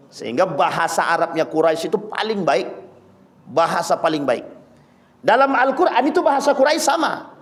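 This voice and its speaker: Male preacher, high voice, animated storytelling sermon, talks straight to the congregation. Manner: lively storytelling, acting out quoted voices; addresses listeners directly, rhetorical questions. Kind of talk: religious lecture to a congregation.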